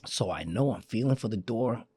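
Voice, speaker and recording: Man, firefighter from Queens, animated storytelling, wide pitch swings, dry close mic. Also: moderate pace, breathy edge, no room sound. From Queens, New York. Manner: acts out voices in his stories, repeats "I kid you not". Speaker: firefighter guest. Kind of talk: animated storytelling in a radio interview.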